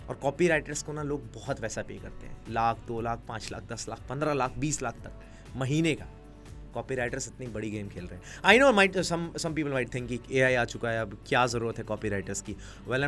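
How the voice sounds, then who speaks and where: A young man giving a casual explainer talk as a business YouTuber, chatty and relaxed, slipping English phrases into his speech. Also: mid-range voice. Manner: conversational, mixes Hindi with English phrases.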